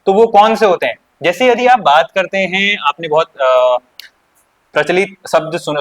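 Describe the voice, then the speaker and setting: ऊँची आवाज़ वाला हिंदी शिक्षक, खुद सवाल पूछकर जवाब देता है. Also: male voice, high voice, fairly bright tone. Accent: Uttarakhand Hindi. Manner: asks questions and answers them himself, repeats key points. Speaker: teacher. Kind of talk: exam-prep grammar lesson.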